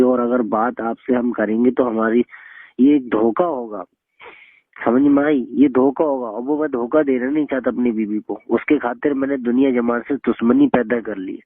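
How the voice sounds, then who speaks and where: A young man from northern India, answering a phone call, argues bluntly and scolds the caller. His voice is husky and mid-range, with a steady tone and normal speed. It's a tinny phone-line recording with no room sound.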